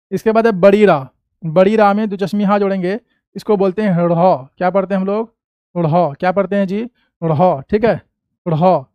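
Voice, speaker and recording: A man with an Indian Hindi accent teaching an Urdu class, patiently asking questions and answering them himself, saying each sound slowly. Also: sits high, darkish tone, no room sound. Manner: patient, asks and answers his own questions. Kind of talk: classroom lesson.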